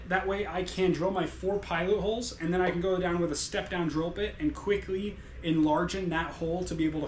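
A man's voice: fairly high pitch, slight background noise. Man explaining in an echoey workshop. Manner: clear step-by-step explaining, gesturing at parts. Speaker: van conversion installer. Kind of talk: how-to tutorial. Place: indoor workshop room. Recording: echoey room.

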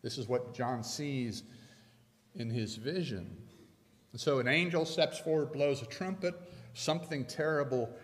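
A middle-aged man preaching a sermon from a pulpit, measured and emphatic, leaning hard on key phrases. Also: medium pitch. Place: church sanctuary at a pulpit. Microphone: pulpit microphones. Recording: long church reverb.

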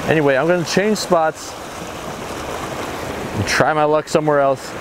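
A man in his thirties, a fishing vlogger, chats casually outdoors on a rocky seashore, throwing in slangy exclamations. His voice is a little high and his pace normal, with ocean surf audible in the recording.

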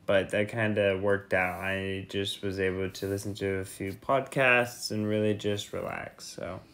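A man chatting outdoors in a calm, easygoing way, trailing off at the ends of his thoughts. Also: fairly low pitch, a little slow. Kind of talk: casual travel vlog chat.

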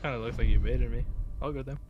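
A man playing a shooter game with friends, sounding tired and talking in a quiet mumble. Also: medium pitch, fast, muffled recording, slight background noise. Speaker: teammate. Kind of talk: casual gaming chat.

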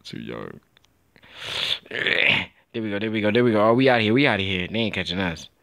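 A young man giving casual, excitable gameplay commentary, trash-talking and laughing as he plays. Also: lowish voice, brisk, vocal fry. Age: young adult. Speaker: gaming YouTuber.

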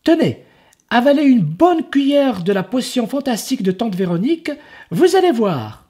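A man reading a children's story, voicing a clever, sly little boy with a high, innocent, eager voice. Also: sing-song, moderate pace, dark tone, husky, exaggerated voice. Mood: sly cheerful.

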